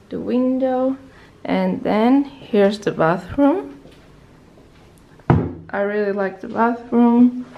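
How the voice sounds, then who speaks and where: Holding the camera at arm's length, this young Portuguese-accented travel vlogger chats in a hotel room and her home living room, drifting from topic to topic. Her voice is a little high but dark in tone, and she talks in an unhurried, drawn-out way. A faint hiss of room noise lies beneath her.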